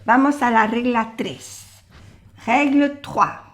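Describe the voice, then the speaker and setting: An older woman gives a language lesson, explaining patiently and repeating every example word slowly. Her voice is on the high side.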